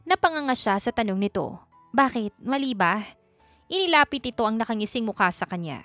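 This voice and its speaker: A woman's voice: fairly high pitch, big pitch swings, quick pace, a bit bright, no room sound, soft background music. Woman narrating a romance story.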